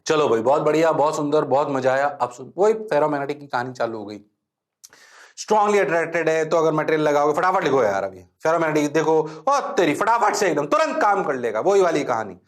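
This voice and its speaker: A man teaching physics in a lecture, mixing Hindi and English, often asking his class whether things are clear and telling them to write quickly. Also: a little high, lively intonation. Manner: asks students frequent check questions, urges them to write fast.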